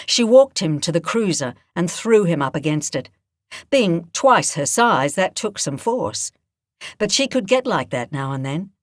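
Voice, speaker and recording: Slow, expressive woman narrator. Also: deep voice, no echo, clean studio sound. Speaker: audiobook narrator. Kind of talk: scripted narration.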